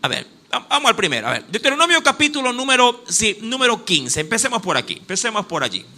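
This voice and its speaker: A man's voice: very high voice, fast talker. A man with a coastal Ecuadorian accent preaching a sermon, calling listeners "my beloved" and stopping now and then to look up verses. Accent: Ecuadorian coastal (Guayaquil). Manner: animated preaching, addresses listeners as "mi amado"; acts out exclamations, stops to look up verses. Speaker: pastor.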